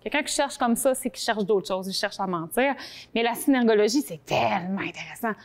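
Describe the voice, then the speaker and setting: A woman with a Québécois French accent explaining things conversationally to her co-hosts, animated and informal, often cutting herself off. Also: mid-range voice, brisk. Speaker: talk show columnist.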